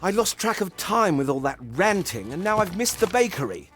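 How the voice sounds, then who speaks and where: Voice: medium pitch, very animated, moderate pace, fairly bright tone. A whiny, grumpy troll. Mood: grumbling. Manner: whiny, huffy complaining. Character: grumpy, lazy male troll coworker. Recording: game audio with faint music.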